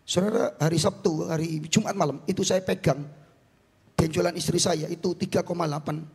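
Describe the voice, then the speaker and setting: A middle-aged East Javanese pastor with an Indonesian accent and a husky voice, preaching with force and then telling a personal testimony in a quieter, halting way. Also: male voice, a little high, fairly even intonation. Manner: preaches loudly, then tells his story softly and haltingly. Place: large church hall. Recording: long church hall reverb.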